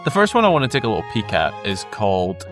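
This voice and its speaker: A Scottish man in his twenties hosts his own channel, doing casual reaction commentary over music. His fairly low voice swoops wildly in pitch as he talks fast, chatty and full of restarts. He teases himself with amused, self-mocking asides.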